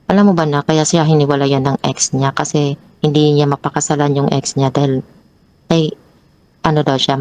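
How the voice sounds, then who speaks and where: As a guest, a young woman tells her own troubling story with emotion, and the recording has no echo. She grows animated, her pitch jumping high when she retells arguments, with frequent restarts and repeated words.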